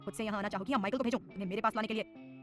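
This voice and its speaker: A woman's voice: mid-range voice, rapid-fire, fairly bright tone, faint music behind, close to an everyday voice. A woman voicing a commanding, possessive young male mafia boss who teases and threatens, in a dramatized audio story. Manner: domineering, teasing, menacing.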